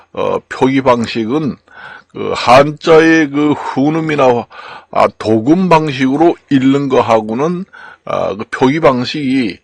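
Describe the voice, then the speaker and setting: An older man from Gangwon Province giving an unscripted lecture as a channel host, slow and halting with many fillers and repeated words. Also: mid-range voice, creaky, no echo. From Gangwon Province, Korea. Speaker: channel host explaining law and Chinese characters.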